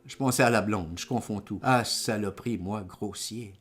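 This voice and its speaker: A man's voice: lowish voice, moderate pace, fairly bright tone, slightly rough. A man giving a dramatic literary reading, in short, exclamatory, broken phrases. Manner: fragmented, exclamatory, theatrical phrasing. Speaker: reader of a literary audiobook.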